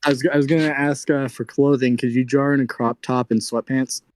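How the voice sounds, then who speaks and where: Easygoing male guest, mid-pitched, dry and close, hesitant delivery. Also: level tone, a little fast, no echo. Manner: easygoing, hesitant, stammers and restarts. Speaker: guest commissioning a drawing. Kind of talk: casual chat.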